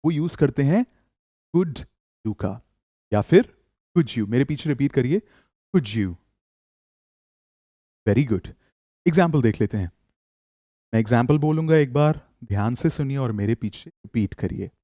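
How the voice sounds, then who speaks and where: A man teaching spoken English in Hindi, reading model sentences slowly for learners to repeat and praising them often. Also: medium pitch, animated, warm tone, no echo, studio quality.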